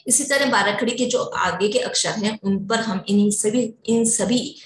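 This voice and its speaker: A woman teacher giving an online lesson to young children, slowly drilling syllables with clear, drawn-out pronunciation. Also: mid-range voice. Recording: echoey room with faint background noise.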